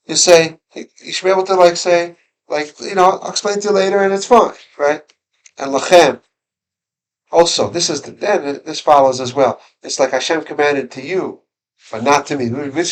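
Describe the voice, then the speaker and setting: Male teacher, higher voice, casual classroom lesson with lots of questions and restarts. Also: rough recording. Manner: conversational, questions the students, frequent restarts. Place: school classroom.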